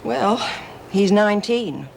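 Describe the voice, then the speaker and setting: A woman's voice: mid-range voice, animated, slow pace, gravelly, a little mellow, slight background noise. An actress playing a resigned, self-sacrificing woman prisoner, hesitant and restrained, in a television drama. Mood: resigned, pained.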